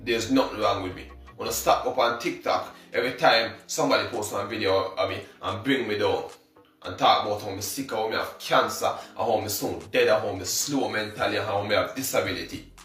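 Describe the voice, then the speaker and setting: An emphatic Jamaican man rants defiantly and keeps calling the listener brother. His voice is bright and forceful. He sounds roomy and set back from the mic. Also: fairly low pitch, a little fast, far from the mic, faint music behind. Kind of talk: defiant social media rant.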